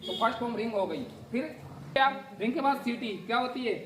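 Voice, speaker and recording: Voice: medium pitch, fast, background noise. A teacher giving a grammar lesson, spelling words out letter by letter and asking the class questions. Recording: echoey classroom from far off. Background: class of students answering.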